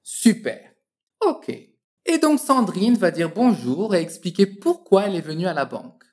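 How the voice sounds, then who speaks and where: Here a woman coaches the listener through French, asking them to echo each phrase she says. Her voice is low, her intonation lively and swooping, and her encouraging drills are slow and exact.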